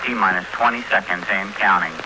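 A man giving a launch countdown in steady, clipped calls over a noisy, crackling radio feed. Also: deep voice, a little fast. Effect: noisy crackling space radio feed. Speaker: launch control commentator.

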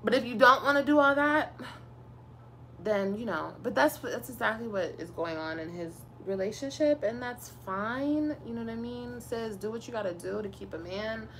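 A woman's voice: on the high side, expressive, normal speed, a bit bright, slight background noise. Profane, heated young woman venting. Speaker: live streamer. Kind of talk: venting story time to viewers.

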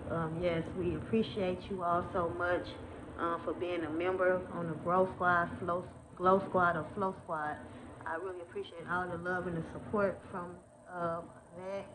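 A woman in her thirties chatting casually to her viewers, with lots of ums and y'alls, recorded on a phone held at arm's length. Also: lowish voice. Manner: chatty, many ums, says y'all often. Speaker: vlogger, mother of twins. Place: indoors at home, then outdoors walking. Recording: noisy phone recording with ambience.

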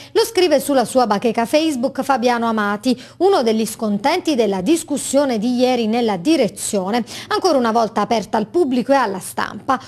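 High-pitched woman reporter, formal scripted news read. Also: a little mellow. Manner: measured, formal delivery.

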